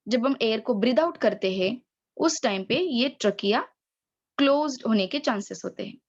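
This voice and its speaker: A woman with an Indian accent teaches an online class, stretching and repeating key words as she explains. Her voice sits fairly high. The sound is dull and lo-fi, like a laptop mic on a video call. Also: animated, slightly rough. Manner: explains slowly, repeats key terms, mixes Hindi and English.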